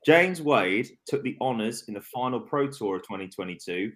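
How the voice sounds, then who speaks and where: A man hosts a relaxed online panel chat, reading out quiz questions at a measured pace. He ribs the other panelists between questions. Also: mid-range voice. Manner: reads quiz questions slowly, teases panel. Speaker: quiz host of a darts podcast.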